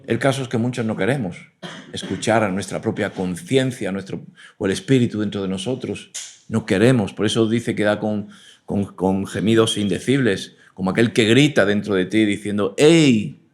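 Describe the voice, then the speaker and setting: Earnest male preacher, low voice, sermon with frequent amens. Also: normal speed. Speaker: preacher and teacher.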